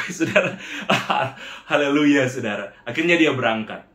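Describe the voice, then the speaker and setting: Pastor preaching a testimony in an echoey room. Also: male voice, mid-range voice, animated, measured pace, fairly bright tone. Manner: addresses the congregation as "saudara" repeatedly, acts out quoted voices. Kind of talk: sermon testimony storytelling.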